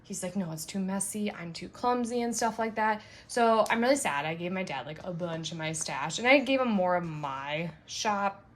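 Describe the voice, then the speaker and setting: A woman who makes and sells wax melts, reviewing scents in a chatty, rambling way full of fillers and bubbly excitement. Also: lowish voice, moderate pace, few pauses. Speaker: wax melt maker and shop owner.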